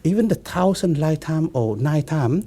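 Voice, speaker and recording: Monk in his fifties with a very dark voice. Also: a little high, animated, slightly rough. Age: 50s. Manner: halting, repetitive non-native English with many restarts. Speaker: Buddhist monk. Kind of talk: relaxed spiritual discussion.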